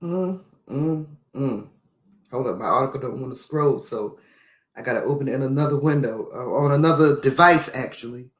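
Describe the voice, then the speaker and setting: A podcast host with a mid-range male voice reads a news article aloud and comments on it at a moderate pace. He sounds indignant, repeating phrases for emphasis, and the room is echoey.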